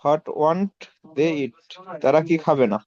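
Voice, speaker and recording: A male student reading English practice sentences aloud, halting and repeating each one. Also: on the high side, a little mellow, lo-fi sound.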